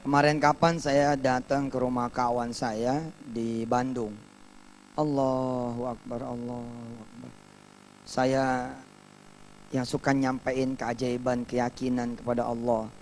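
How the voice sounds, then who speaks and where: A male preacher giving a televised sermon as a story, moving from hushed telling to fervent exclamation. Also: mid-range voice, flat delivery, slow, slight background noise.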